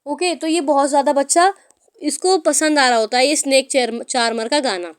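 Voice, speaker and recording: A woman's voice: sits high, moderate pace. A woman teacher explaining a story to her students, mixing in English words and calling them "beta".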